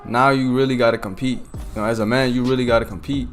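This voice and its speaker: An eighteen-year-old streamer and content creator tells a loose, slangy story while gaming, sprinkling in "you feel me" asides. His mid-range voice is fast with fairly even intonation, and soft music plays in the background.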